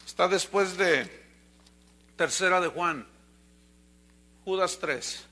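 A man preaching a sermon as pastor, telling a fable with animated storytelling. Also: high voice, slow, breathy edge.

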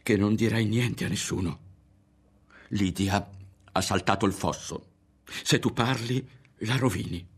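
A man voicing an enraged middle-aged mother who shouts accusations and threats at her son. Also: lowish voice, unhurried, pauses often, slightly rough. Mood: grave.

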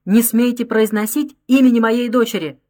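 A woman's voice: fairly high pitch, steady tone, moderate pace, darkish tone, pitched above the performer's own voice, lightly acted. A woman voicing a desperate middle-aged mother in an audiobook, crying out in anguish. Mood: furious.

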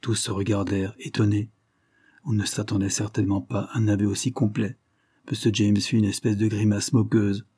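A man narrating a novel in a steady, even audiobook reading. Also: lowish voice, moderate pace, slightly rough, dry recording, studio quality. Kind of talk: scripted narration.

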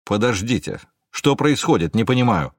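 A male reader voicing an indignant middle-aged male suspect who shouts with contempt at a police officer. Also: on the low side, sing-song, moderate pace, no echo, clean studio sound. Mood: defiant. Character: furious defiant middle-aged man, suspect.

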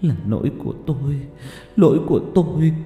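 A man's voice: a little high, lively intonation, brisk, mellow, reverberant, in a large hall, dull audio, soft background music, voice pushed up, natural voice. A man voicing a remorseful young mother, wailing and tearful.

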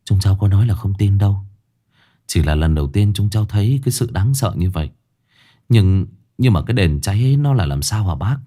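A man voicing a frightened young male reporter who stammers in a hushed voice. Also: lowish voice, expressive, a little fast, pitched below the performer's own voice. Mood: anxious.

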